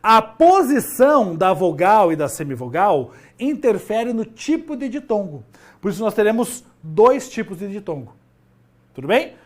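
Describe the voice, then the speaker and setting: Man, teacher, grammar lesson, lively swinging pitch, drawn-out emphasis. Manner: animated, drawn-out emphasis on key words, talks to himself.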